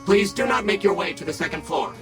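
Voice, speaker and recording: An actor playing a polite, overly smooth male service robot in a video game, speaking in formal, scripted announcements with a synthetic android sheen. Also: sits high, fast, over music. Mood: flat.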